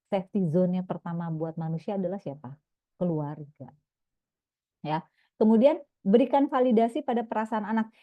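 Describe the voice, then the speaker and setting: A woman parenting coach giving a lively online seminar talk, acting out little scenes between parents and children. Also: medium pitch, dry recording. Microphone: video call. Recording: dry, phone-like video call audio.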